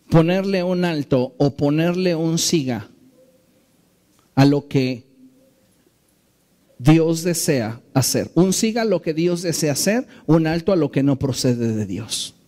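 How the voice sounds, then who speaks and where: A man preaching a sermon as a pastor in his church, slowing down and stressing key phrases in an earnest way. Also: on the high side, mellow. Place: church sanctuary.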